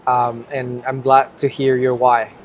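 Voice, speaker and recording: The recording is muffled with a little hiss or hum, and the man's medium-pitched voice is monotone and measured. Still, as host of this casual interview intro he comes across upbeat and encouraging, repeatedly restarting questions.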